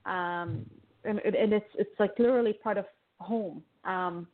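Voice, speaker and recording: Over a tinny, phone-like line, a Lebanese woman who is a guest financial therapist explains her views in a casual interview. Her medium-pitched voice moves a little slowly, and she is thoughtful, restarting her sentences frequently.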